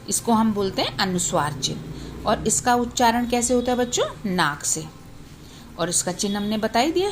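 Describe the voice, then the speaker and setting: Female teacher giving a grammar lesson to children, calling out letters one at a time, mid-pitched, faint room noise. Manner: asks questions then answers them herself; reads out letters slowly one by one. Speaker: Hindi teacher.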